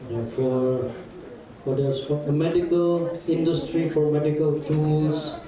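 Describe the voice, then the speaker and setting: A German-accented man teaching a class, friendly and teasing, speaking slowly and carefully. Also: a little high, fairly even intonation, a crowd in the background. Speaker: guest teacher. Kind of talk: classroom talk. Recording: echoey hall from far off.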